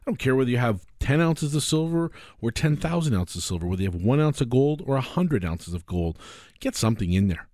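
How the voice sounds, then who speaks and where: A man from Canada co-hosting a finance radio show in a casual, animated way, acting out little scenes. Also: mid-range voice, a little fast, no room sound, studio quality.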